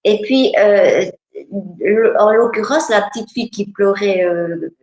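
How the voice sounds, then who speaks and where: A woman's voice: mid-range voice, takes it slowly, a little mellow, roomy sound, low-quality recording. A woman giving a personal testimony, speaking hesitantly with many filler sounds.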